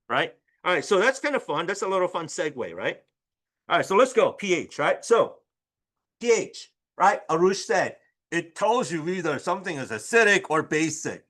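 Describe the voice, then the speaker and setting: A man teaching a high school chemistry class, animated and exclamatory, checking in with "right?" after almost every point. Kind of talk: lively classroom lecture.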